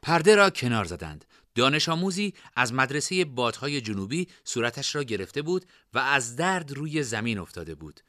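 A man narrating a fantasy story in expressive storytelling style. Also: medium pitch, dry recording, clean studio sound.

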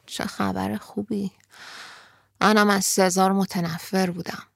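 A woman voicing a weary grown man who talks in a dry, mildly patronizing way, with a gravelly tone in a dry room. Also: medium pitch, dry recording. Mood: wry. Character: weary grown man, older than the girl.

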